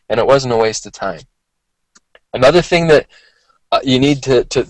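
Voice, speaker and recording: The audio is poor as a man with a mid-range voice gives a pep talk on sales. A full day of talking has worn his voice down, he coughs from time to time, and his emphatic, conversational delivery is full of repetition.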